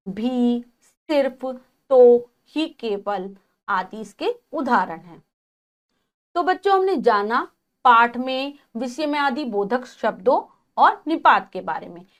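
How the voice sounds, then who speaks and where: Woman teacher, high voice, patient step-by-step grammar lesson for kids. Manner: explains step by step and addresses children.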